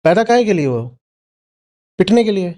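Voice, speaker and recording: A man's voice: high voice, very animated, fairly quick, mellow. A man giving a spoken discourse to a live audience, often prodding the listener with questions. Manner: questioning, prods listener with "hmm?". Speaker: spiritual teacher answering an audience member.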